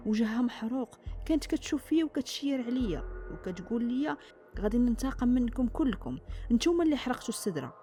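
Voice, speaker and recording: A terrified young girl from a spoken storybook tale, put on by a woman narrator. She speaks with a Moroccan accent, trembling and tearful. Her voice sits slightly higher and runs quickly. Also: big pitch swings, mellow. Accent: Moroccan Arabic.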